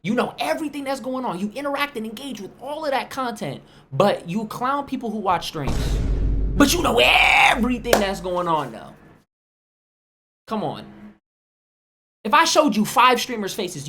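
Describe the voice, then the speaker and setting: Man, casual podcast co-host, lively swooping pitch, profane, joking rants. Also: fairly quick, hardly any pauses, noisy background. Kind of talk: casual chat.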